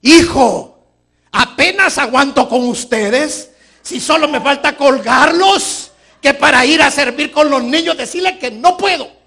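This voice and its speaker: A man's voice: high-pitched, expressive, unhurried, a bit bright, slightly rough, pitched above the performer's own voice, heavily acted. A man preaching who acts out a self-centered woman, moving between pleading prayers and brusque refusals. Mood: impatient refusal. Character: pious but self-centered praying woman.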